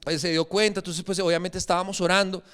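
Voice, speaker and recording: A young preacher delivers a sermon in a high, smooth, clear voice. He tells a personal story with animated, emphatic energy. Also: fast talker.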